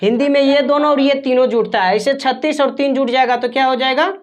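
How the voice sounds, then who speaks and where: A woman with a high voice teaches a class. She keeps asking her students questions and echoing their answers back to them. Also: steady tone, fast talker. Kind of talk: classroom grammar lesson.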